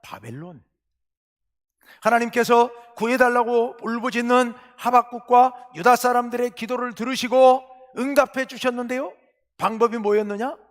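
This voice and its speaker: A male pastor preaching a sermon, asking questions and answering them himself, moving between hushed asides and loud, impassioned cries. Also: very high-pitched, moderate pace. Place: church sanctuary. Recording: long reverb of a church hall.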